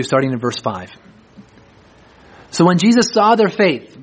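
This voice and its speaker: A man preaching a sermon, reading scripture aloud slowly and then explaining it in plain, conversational talk. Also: fairly high pitch, slightly rough. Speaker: pastor.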